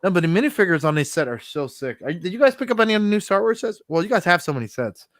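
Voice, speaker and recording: A young man hosting a casual chat over a video call, excitable and chatty, drifting off mid-sentence as he hunts for things. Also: high voice, rapid-fire, no echo, studio quality. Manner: excitable, chatty, trails off while rummaging.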